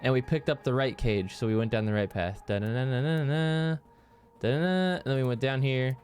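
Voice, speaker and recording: A man's voice: medium pitch, fast talker, darkish tone, slight background noise. A man streaming a game, recapping it in casual chat and jumping into silly voices and sound effects.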